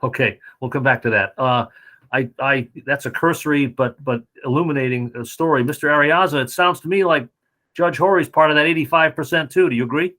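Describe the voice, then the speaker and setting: A man's voice: fairly high pitch, brisk, pushed and bright. A man interviewing candidates for an editorial board, asking direct, probing questions.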